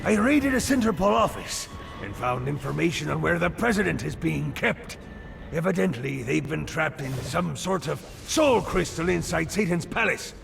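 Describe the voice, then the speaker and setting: An actor playing a boastful male pirate captain in a video game, with a gravelly pirate voice. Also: on the high side, lively intonation, normal speed, noisy background. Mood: scheming. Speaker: game character. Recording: game audio over music.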